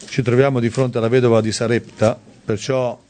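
A man preaching a sermon in a conversational way, reading scripture aloud and stressing key words with sudden high emphasis. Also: little pitch movement, a little fast, darkish tone, a little hiss or hum.

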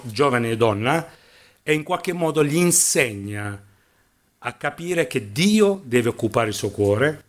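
A male preacher delivering a sermon to his congregation, his voice sitting at a middling pitch. He preaches emphatically, calling out to his brothers and sisters and asking them questions. His pitch jumps suddenly high for stress.

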